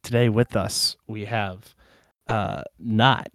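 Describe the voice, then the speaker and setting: Unhurried, lowish male host; casual and crude, dry mic. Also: steady tone, a bit bright, no room sound. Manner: slow, loose, swearing, joking. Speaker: podcast host. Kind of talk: casual podcast intro.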